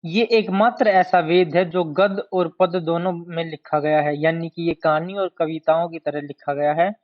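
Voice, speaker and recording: Male teacher, fairly high voice, exam-prep lecture, drills key terms, dull lo-fi recording. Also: steady tone. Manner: slow, deliberate, repeats key terms to drill them. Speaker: history teacher. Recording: dull lo-fi sound.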